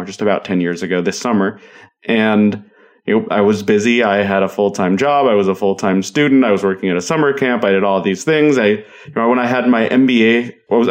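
A man in his thirties with a fairly low voice hosts a podcast on his own. He talks casually and directly, in an encouraging, motivational way. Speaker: podcast host.

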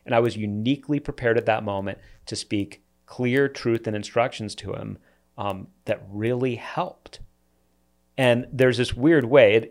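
A pastor with a slightly mellow, mid-range voice speaks earnestly and reflectively in a casual church podcast discussion. He frequently restarts his sentences.

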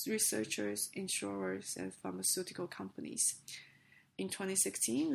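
A woman reads business news for a podcast in a hoarse, heavily gravelled voice that sounds under the weather. Her delivery is scripted but halting, at a middling pitch, with faint noise behind her. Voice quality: rough, gravelly voice. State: hoarse with a sick, coughing voice.

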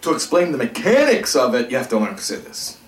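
A man teaching a religious class, lively and thinking aloud, acting out examples as he goes. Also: medium pitch, brisk. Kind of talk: Torah class lecture. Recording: echoey room, from a distance.

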